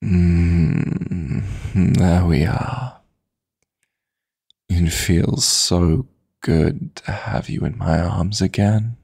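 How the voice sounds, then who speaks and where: Tender and flirty in mood, this intimate sleep-aid roleplay features a man as a teasing, possessive demon lover of dreams. His voice sits low, gravelly and breathy, in a full character voice, coaxing softly and with deliberation.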